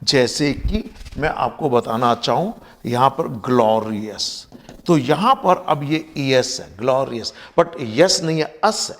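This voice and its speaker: A man's voice: mid-range voice, lively intonation, takes it slowly. A man teaching vocabulary in a lesson, explaining patiently, spelling words out letter by letter and repeating pronunciations. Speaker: vocabulary teacher for competitive exams. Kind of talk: Hindi-English mixed vocabulary lesson. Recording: long reverb.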